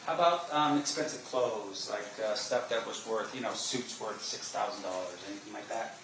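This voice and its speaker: A man doing a courtroom cross examination as an attorney, asking probing, leading questions with halting pauses. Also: lowish voice. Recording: roomy echo, faint background noise.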